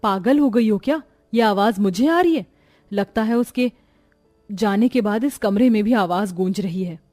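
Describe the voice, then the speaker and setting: A woman's voice: normal speed, a little mellow, soft background music, close to an everyday voice. A woman voicing a fed-up young housewife in a cartoon, grumbling and exasperated. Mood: flustered. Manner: grumbling and exasperated, pitched lower. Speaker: daughter-in-law character. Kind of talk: cartoon voice acting.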